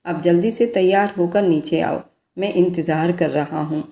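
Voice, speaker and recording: A man's voice: sits high, fairly even intonation, normal speed, warm tone. A woman voicing a teasing, affectionate young husband in a romantic spoken story, coaxing and playful. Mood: tender. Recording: roomy echo.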